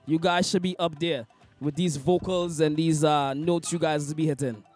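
A male DJ hosts this interview over a video call with a notably high voice. He gushes, leans on emphasis and repeats himself as he praises his guests. Soft music plays faintly underneath. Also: fairly even intonation, normal speed. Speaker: DJ and interview host. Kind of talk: casual interview chat.

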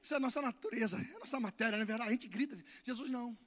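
A man with a Brazilian accent preaching a sermon in a church as guest preacher, swinging from soft to shouting and calling for responses from the congregation. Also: very high-pitched, rapid-fire.

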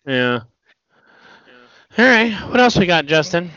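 A middle-aged man co-hosting a podcast in casual chat, a rambling, animated storyteller who restarts sentences. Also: high-pitched, slow pace, muffled recording. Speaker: podcast co-host.

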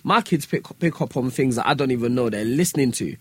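A man's voice: medium pitch, lively intonation, fast, husky, no echo. A man in casual discussion, feeling his way hesitantly through his thoughts.

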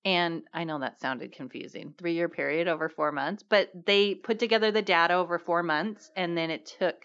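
A hoarse woman co-hosting a casual, upbeat chat. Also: fairly low pitch, moderate pace, a bit bright. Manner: upbeat, encouraging. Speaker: podcast co-host. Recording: dull lo-fi recording.

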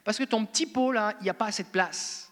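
French-accented male pastor, high bright voice, casual playful sermon, long church-hall reverb. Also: fast. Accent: French (France). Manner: conversational, playful preaching.

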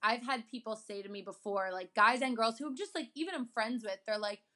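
A woman's voice: a little high, fairly quick, sharp tone. A young woman hosting a podcast, chatting candidly with casual slang. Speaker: podcast host. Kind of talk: casual interview chat.

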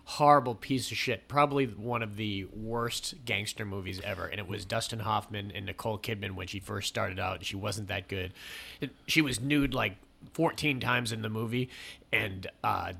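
A man with a lower, gravelly voice that still has a bright, forceful edge. He rambles through casual chat, swears freely and laughs easily. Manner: rambling, profane, quick laughs.

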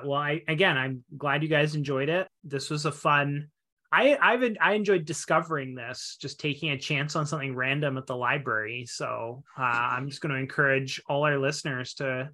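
A man co-hosting a casual book-club podcast, talking in a relaxed, hesitant way with restarts. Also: mid-range voice. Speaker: podcast co-host.

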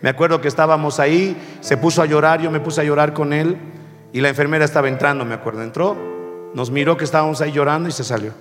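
Male pastor with a fairly high voice, slow, deliberate sermon storytelling, long hall reverb, soft music underneath. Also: steady tone. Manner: slow and deliberate, addressing the congregation as brothers.

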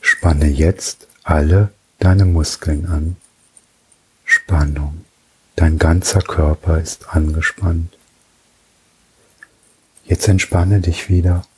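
A man guiding a relaxation journey in a soft, soothing way, with long pauses between phrases. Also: sits low, steady tone, husky, low-quality recording. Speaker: meditation guide.

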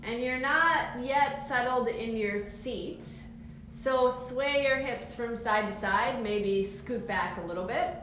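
A woman with a slightly high voice guides a calm grounding exercise as an instructor. She speaks slowly, with soothing and encouraging cues that move step by step through the body. The room is very echoey around her. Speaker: movement and mindfulness instructor. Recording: very echoey room, faint background noise.

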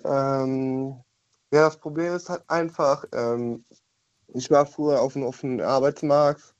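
A man's voice: medium pitch, a little mellow. A man from Düren calling in to a radio show over the phone and speaking bluntly and frankly, with some swearing. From Düren, Germany. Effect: heard over the phone. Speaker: caller. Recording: muffled phone line.

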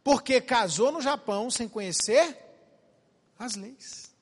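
Brazilian pastor man preaching, really high voice, big echo-y church hall, gets loud then quiet. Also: takes it slowly, breathy edge. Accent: Brazilian Portuguese. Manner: animated preaching, acts out dialogue, swings from loud to hushed. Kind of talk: sermon.

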